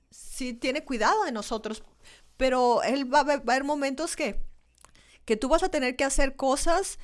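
Higher-voiced woman preaching conversationally. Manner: conversational preaching, talks straight to the congregation; repeats phrases for emphasis. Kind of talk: sermon.

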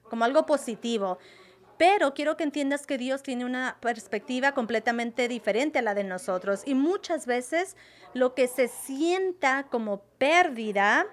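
A woman preaching a sermon in a conversational way, often checking in with her listeners. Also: sits high. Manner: conversational, asks "verdad?" often.

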